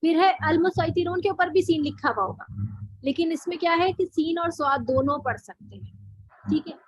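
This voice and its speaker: A woman's voice: very high voice, moderate pace, no echo, poor audio. A woman teaching a recitation class, explaining patiently, often repeating and correcting herself. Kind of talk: online class lesson.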